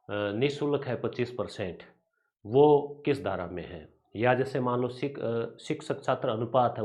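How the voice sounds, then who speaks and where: A man's voice: medium pitch, a little mellow. A male teacher giving an exam coaching lecture, chatty and informal, repeating rhyming memory tricks.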